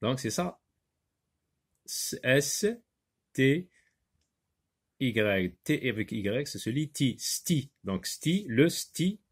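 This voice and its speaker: A male teacher giving a classroom reading lesson, sounding out syllables slowly and repeating words with emphasis. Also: medium pitch, big pitch swings, husky.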